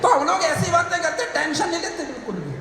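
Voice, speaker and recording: A man with a Haryanvi accent doing stand-up comic poetry on stage, loudly shouting his punchlines and acting out family dialogue. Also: very high voice, very animated, fast talker, creaky, a loud crowd. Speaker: comic poet. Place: large hall at a live poetry show. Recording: very echoey hall with long reverb, faint noise.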